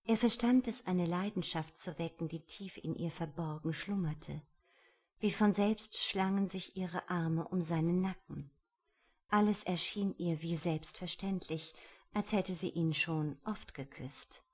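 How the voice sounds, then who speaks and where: A woman narrating an erotic romance novel in a breathy, intimate reading. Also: lowish voice, measured pace, a little mellow. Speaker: audiobook narrator.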